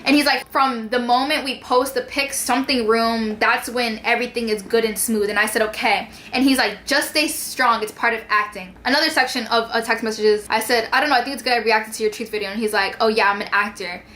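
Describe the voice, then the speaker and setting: A woman's voice: on the high side, steady tone, brisk, hardly any pauses, fairly bright tone, slight background noise. A young woman telling a story on her vlog in a casual way, saying "like" a lot and reading out text messages. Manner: heavy use of "like", reads out text messages. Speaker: YouTuber.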